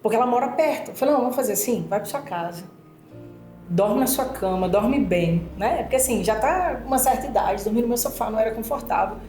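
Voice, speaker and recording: On the high side and brisk, this woman's voice carries a Brazilian Portuguese accent as she shares a personal story in a relaxed chat. Her storytelling is animated and crowded with fillers, against a roomy sound with music in the background.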